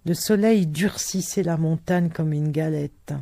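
A narrator reading a novel aloud at an unhurried, deliberate pace, in a dry and close recording with no room sound. The delivery stays calm and measured between the raised voices of the characters. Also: mid-range voice, dry recording.

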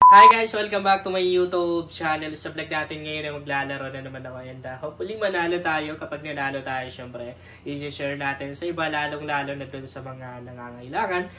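A man's voice: on the high side, fairly quick, noisy background. A young Filipino man hosting a casual gaming vlog, his voice strained by a cough. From Philippines. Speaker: vlogger and host.

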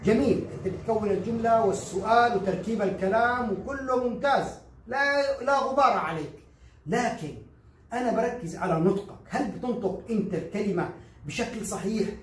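A high-voiced man teaching in an animated, chatty way, now and then mimicking learners. He sounds a little distant from the mic. His voice rings in an echoey room. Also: fast talker. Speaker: English teacher. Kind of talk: lively spoken lesson.

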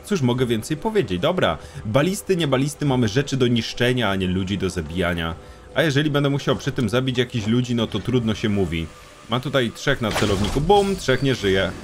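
A man's voice: medium pitch, big pitch swings, a little fast. A young man giving casual let's-play commentary, talking to enemies, joking and swearing a lot. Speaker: gameplay streamer.

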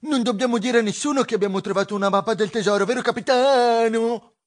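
A man's voice: extremely high pitch, fast talker, voice pushed up. A man voicing a chubby, chattering male rat treasure hunter in an audio storybook, talking in a sing-song, babbling way. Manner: babbling, sing-song, keeps asking his captain. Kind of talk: storybook voice acting.

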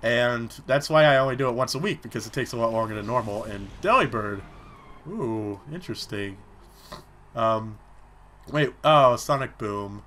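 A young gaming commentator chats between battles in a rambling let's-play, full of fillers and delivered with a sore throat. His medium-pitched voice is animated and a bit bright, at normal speed, with a little hiss or hum in the recording.

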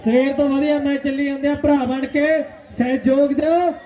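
Male kabaddi commentator, very high-pitched with little variation, excited delivery, rallies the crowd. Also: normal speed, a little hiss or hum. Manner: rousing, repeats phrases, calls on spectators. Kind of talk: excited live sports commentary. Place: outdoor village kabaddi ground.

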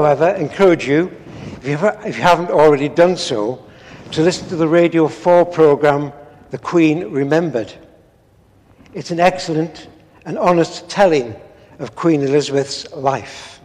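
An older man, a priest preaching a measured, earnest sermon read from notes in a large stone church. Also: on the high side. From England. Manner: measured, earnest, with solemn pauses. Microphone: far camera, no visible mic. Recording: long church reverb.

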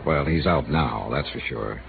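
In a 1950s radio drama, an actor plays a dry, persistent male insurance investigator who asks pointed questions with a wisecracking edge. His voice is rumbling low, gravelly, and exaggerated, at normal speed. The broadcast sounds tinny and old, with hiss.

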